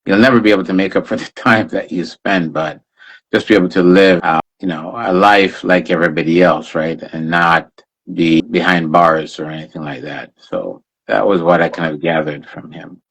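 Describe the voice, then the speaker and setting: A man's voice: low-pitched, steady tone, normal speed, fairly bright tone, husky, poor audio. A man hosting a live interview conversation in a friendly, affirming, conversational way. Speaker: interview host.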